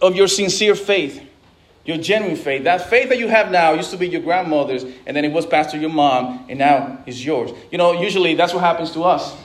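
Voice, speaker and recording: This high-pitched man, a middle-aged pastor from the Dominican Republic, delivers his sermon in a chatty style, often restarting and wandering into asides.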